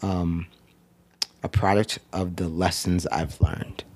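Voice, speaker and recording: This thirty-something painter guest talks slowly in a low, slightly mellow voice with fairly even intonation. It's a casual, reflective conversation peppered with "like" and "um," taking place in an indoor studio equipped with mic arms.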